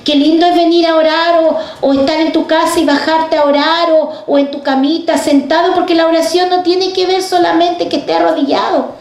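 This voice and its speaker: A woman's voice: very high voice, fairly even intonation, a little fast, hardly any pauses, darkish tone, reverberant, soft background music. A woman preaching a fervent sermon, speaking straight to the congregation and asking them rhetorical questions. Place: church.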